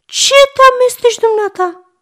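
A woman reading aloud and voicing an indignant, sharp-tongued aunt. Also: high voice, sing-song, pitched above the performer's own voice. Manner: indignant, snappy.

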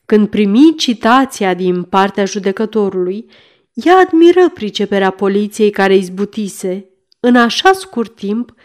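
A woman narrates a classic novel for an audiobook, reading in a steady, expressive way. Her voice sits at an ordinary middle pitch. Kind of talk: scripted narration.

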